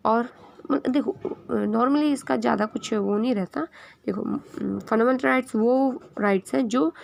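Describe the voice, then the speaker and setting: A woman's voice: on the high side, measured pace, creaky, a little mellow. A woman with a sore throat giving a casual video lesson, mixing in English words and asking herself questions, then answering them. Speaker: teacher.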